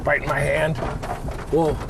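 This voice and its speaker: Male storm chaser, slightly high voice, casual spotting remarks, very noisy vehicle and outdoor sound. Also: level tone, unhurried, gravelly. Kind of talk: casual live spotting commentary. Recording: loud vehicle and outdoor noise.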